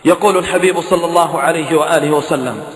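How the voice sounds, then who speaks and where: Male preacher, high voice, pleading and impassioned, lots of hall echo. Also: quick pace. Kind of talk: emotional sermon. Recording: echoey hall reverb.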